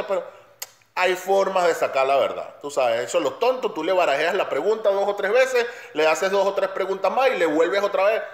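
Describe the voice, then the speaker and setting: A man delivering a blunt, emphatic opinion monologue. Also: sits high. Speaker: commentator. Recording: roomy echo.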